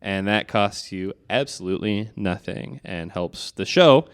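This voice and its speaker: Smooth-voiced casual male podcast host. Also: low-pitched, steady tone, measured pace. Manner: rambling, enthusiastic, jokey. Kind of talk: casual chat.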